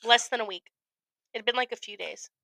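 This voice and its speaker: A woman co-hosting a podcast in casual chat, a little congested from a cold and quick to laugh. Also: a little high, gravelly, bright, forceful tone, no echo, poor audio. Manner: chatty, laughs often. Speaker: podcast co-host. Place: home podcast studio.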